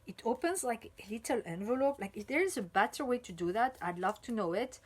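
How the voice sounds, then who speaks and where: A woman from France with a French accent, a native French speaker, chatting casually as she reviews chocolate on video, thinking aloud with plenty of fillers and breaking into excited exclamations. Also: fairly high pitch, a little fast, husky.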